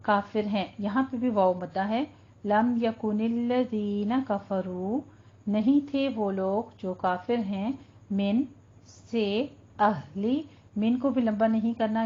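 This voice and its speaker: A woman teaching Quran recitation rules, patiently explaining and drawing recited words out slowly. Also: mid-range voice, lo-fi sound. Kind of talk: tajweed lesson with slow recitation.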